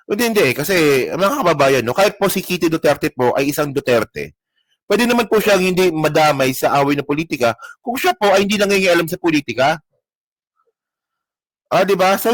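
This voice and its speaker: A man's voice: high-pitched, no echo. A man hosting casual political commentary, reacting to clips in a sarcastic, profane way.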